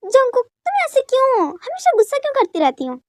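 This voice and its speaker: A woman reading a boyish young husband in a dubbed fan story, begging and apologising in a very high, thin voice. The sound is close and dry, with no room around it. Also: animated, quick pace, no echo. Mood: pleading. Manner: coaxing, soft begging.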